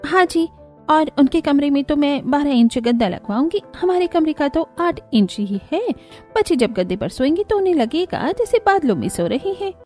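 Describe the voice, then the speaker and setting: A showy rich young wife from a cartoon, voiced by a woman, speaking briskly and with confidence. Her voice is high, and faint music plays behind her. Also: very animated, darkish tone. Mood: confident. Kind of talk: cartoon voice acting.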